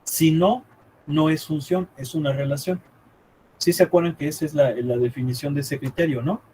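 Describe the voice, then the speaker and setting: A math teacher with a somewhat high voice lectures a live class. He repeats his points, thinks aloud as he draws, and keeps checking whether the students follow. A faint hum of room noise sits behind him. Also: steady tone, dark tone, low-quality recording. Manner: checks understanding often with quick questions, repeats himself; thinks aloud while drawing on the board.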